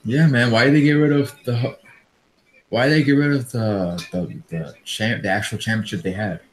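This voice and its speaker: A man's voice: medium pitch, normal speed, poor audio. A man hosting a reaction stream in casual, joking chat, sarcastic and freely swearing.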